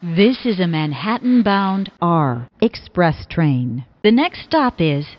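A woman giving recorded train announcements over a train loudspeaker, with measured, evenly spaced phrasing. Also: fairly low pitch, big pitch swings. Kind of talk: automated transit announcements. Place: inside a subway car. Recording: muffled train speaker audio.

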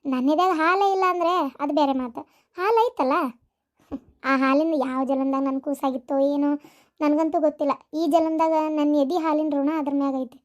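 A woman voicing a kind young mother in a cartoon, with a North Karnataka accent and a gentle, earnest way of talking. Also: high voice, fairly even intonation, fairly quick, natural voice. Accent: North Karnataka Kannada. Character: kind young mother Anu, warm-hearted.

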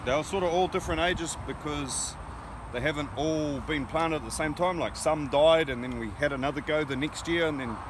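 Relaxed New man, noisy handheld recording. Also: on the high side. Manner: relaxed, unhurried storytelling with many fillers. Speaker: guest, fisherman and orchard grower. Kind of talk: casual chat. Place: outdoors in an orchard, then inside a moving van. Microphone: handheld camera held by the host. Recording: steady background noise from outdoors and car. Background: outdoor ambience and road noise.

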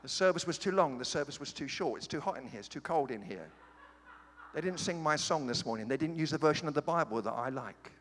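A man's voice: a little high, lively intonation, brisk, a bit bright. A middle-aged British man preaching a sermon as a guest pastor, telling funny stories with playful, joking asides. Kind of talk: humorous sermon storytelling. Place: large church sanctuary. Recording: reverberant church hall, faint ambience.

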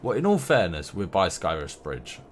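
With a low-pitched voice that swings hugely in pitch, a young streamer with a runny nose chats at normal speed in rambling, playful fashion during a game. It's casual gameplay commentary. Noisy game audio plays behind him.

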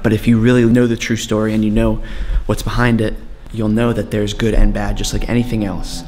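A man's voice: lowish voice, little pitch movement, brisk, darkish tone. A young man vlogging, reflecting earnestly and then chatting like a tour guide on a walk. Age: young adult. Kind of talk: reflective vlog narration and casual walk-and-talk. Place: museum indoors and college campus outdoors. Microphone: handheld camera at arm's length.

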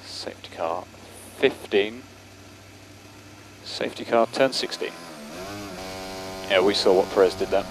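A man working as a race engineer, calmly and steadily reading out gaps and instructions over race car team radio. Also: sits low, a little slow, gravelly, pauses often. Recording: noisy team radio channel.

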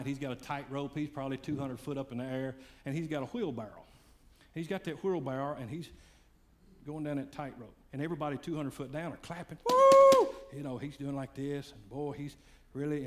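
A man preaching a sermon, swinging between loud fiery calls and hushed, quiet lines. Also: medium pitch. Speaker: pastor.

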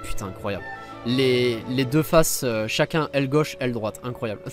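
A young man commenting on his gameplay as a let's play host, with excitable asides and frequent swearing. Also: medium pitch, normal speed, soft background music.

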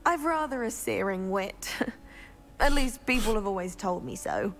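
A woman's voice: medium pitch, expressive, measured pace. A woman voicing a self-assured, witty young witch student in a video game, with a formal, chatty manner. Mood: self-assured, friendly.

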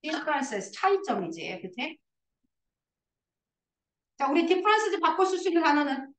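A woman teaching a high school English class, explaining a passage and coaxing her students with constant questions. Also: sing-song, moderate pace, reverberant, distant mic, a little hiss or hum, low-quality recording. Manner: coaxing, asks students questions and answers herself.

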